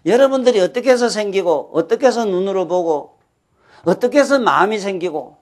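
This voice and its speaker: Speaking with a Gyeongsang Korean accent, this older folk-culture lecturer talks to his audience in a down-to-earth way, his voice pitched high for a man. He sounds animated yet somewhat mellow, repeatedly checking in with listeners and tossing out rhetorical questions.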